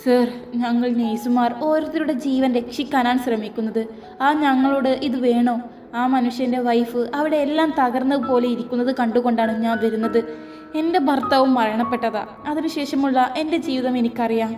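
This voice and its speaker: A woman's voice: on the high side, normal speed, a little mellow, roomy sound, close to an everyday voice. A woman voicing a widowed nurse and mother who begs and pleads tearfully, with faint music behind. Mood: pleading.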